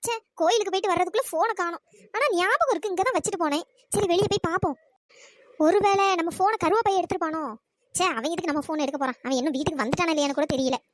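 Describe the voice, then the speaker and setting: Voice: extremely high pitch, racing, fairly bright tone, no room sound, voice pushed down. A performer voicing a defiant young woman in a cartoon story who snaps back indignantly. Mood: puzzled.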